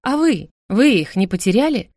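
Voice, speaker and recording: Woman reading a hurt young heroine for an audiobook; sharp, raised delivery, dry studio sound. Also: mid-range voice, moderate pace, dry recording, natural voice. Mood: defiant, upset. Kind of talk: audiobook character voice.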